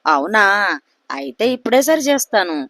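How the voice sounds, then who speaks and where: A woman's voice: mid-range voice, very animated, moderate pace, no room sound, natural voice. A woman reading the part of a grown husband who teases his wife with jokes, in a spoken family story. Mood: teasing. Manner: teasing, quipping. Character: grown man, teasing joking husband.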